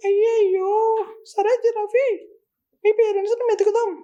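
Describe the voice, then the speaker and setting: Cartoon squirrel, young and excitable, a woman voicing it: very high, mellow tone, pleading and chatty. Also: normal speed, dull audio. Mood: eager. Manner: urgent, repeatedly calling out and begging. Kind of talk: cartoon voice acting.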